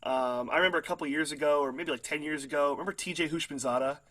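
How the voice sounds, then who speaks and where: A man's voice: on the high side, quick pace, a crowd in the background. A young man co-hosting a casual football podcast, chatty and hedging with fillers, often laughing at his own hot takes. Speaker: podcast co-host. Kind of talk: casual sports chat.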